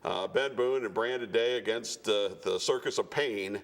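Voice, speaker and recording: A man with a fairly low voice hosts a wrestling programme. He talks informally and conversationally, in the manner of a promoter addressing fans. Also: normal speed. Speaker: wrestling show host. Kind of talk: casual promotional studio-style presenting.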